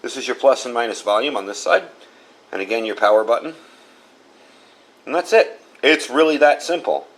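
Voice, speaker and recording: A man with a mid-range voice speaks animatedly at a moderate pace, pausing often. He's a product reviewer hosting his own channel, casually trying out an item and talking in a plain, folksy way while repeating points for emphasis.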